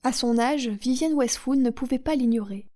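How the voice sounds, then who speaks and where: Calm woman reading an audiobook. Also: sits high, moderate pace. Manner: calm, soothing. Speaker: audiobook reader.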